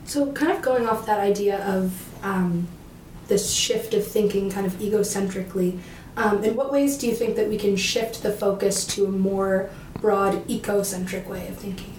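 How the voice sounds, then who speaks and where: A woman's voice: mid-range voice, normal speed, darkish tone, far from the mic. A woman interviewer asks her questions in a conversational, slightly tentative way. She sits away from the microphone in a roomy, echoing space, and a faint hiss lies underneath her voice.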